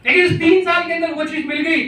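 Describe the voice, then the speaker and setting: High-voiced man, bright, echoing from far off. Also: flat delivery, quick pace. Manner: emphatic, repetitive, asks rhetorical questions. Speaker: business mentor addressing a team meeting. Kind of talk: motivational talk. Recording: echoey room, mic far off, faint noise.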